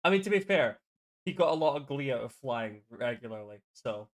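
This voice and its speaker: A man's voice: mid-range voice, fairly quick. A man from Scotland with a Glasgow accent, chatting and joking casually with friends while gaming. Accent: Scottish, Glasgow. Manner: joking, animated storytelling. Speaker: player in group gaming stream. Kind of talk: casual chat.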